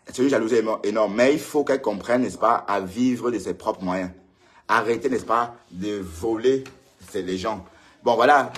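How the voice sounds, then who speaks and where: A man hosting his own live stream alone with a ring light. He rants heatedly at rivals, repeating his warnings, and his pitch jumps up when he gets worked up. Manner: heated, repetitive, addresses rivals directly. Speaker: online show host. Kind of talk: solo live-stream rant.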